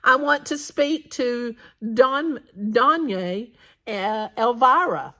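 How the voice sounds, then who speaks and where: An earnest little girl from a storybook, as a woman reading aloud puts her on, her voice lifted a bit higher than the narration and bright in tone. She talks slowly, with simple sincerity. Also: lively intonation, heavily acted. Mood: worried. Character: young girl searching for her lost dog.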